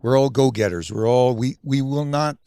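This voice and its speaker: A man's voice: medium pitch, normal speed, gravelly, mellow, clear, resonant tone, no echo, studio quality. A man co-hosting a podcast who chimes in with agreement and motivational phrases. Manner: affirming, chiming in. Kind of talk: casual podcast chat.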